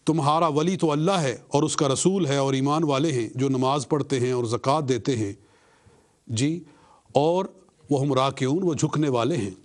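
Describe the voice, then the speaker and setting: A man in a religious debate, chanting scripture and then explaining it in earnest, measured speech while addressing an opponent. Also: medium pitch. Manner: addresses an opponent directly, argumentative.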